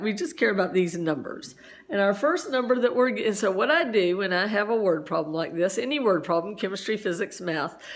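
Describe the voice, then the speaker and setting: A middle-aged woman teacher explaining a physics lesson step by step, chatty and full of asides, with a slight cough. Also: medium pitch.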